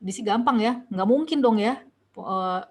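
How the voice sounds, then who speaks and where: Guiding an online Bible study, a young woman with an Indonesian accent puts questions to the group and reads passages aloud, often starting her sentences over. She speaks at a normal speed in a voice on the high side with a breathy edge.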